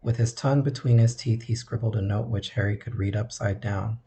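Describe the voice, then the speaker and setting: A man reading a storybook aloud in a soothing, calm bedtime voice. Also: fairly low pitch, creaky. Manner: soothing, unhurried. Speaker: narrator.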